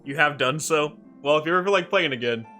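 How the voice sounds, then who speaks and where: A man's voice: on the high side, fast talker, bright, forceful tone. A man streaming a game, chatting casually and rambling about what he has played. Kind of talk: casual gaming stream chat. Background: faint game music.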